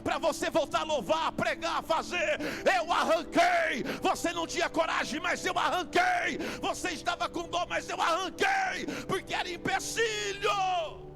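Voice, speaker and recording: A man preaching a fiery sermon as a bishop in a church, with a Brazilian accent, shouting in repetitive refrains and then dropping to a hush. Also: extremely high pitch. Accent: Brazilian Portuguese. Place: church sanctuary. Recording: music playing behind the voice.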